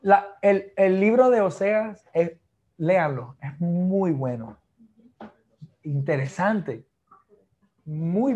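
A man's voice: on the high side, a little mellow, husky, lo-fi sound. A man with a Puerto Rican accent, preaching a sermon over a video call in a chatty way, slipping between Spanish and English. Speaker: pastor.

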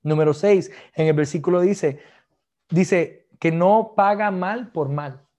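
A man's voice: high voice, takes it slowly, warm tone. A man in his thirties preaching a sermon, switching between Spanish and English and joking with his congregation. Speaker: pastor. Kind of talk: bilingual sermon.

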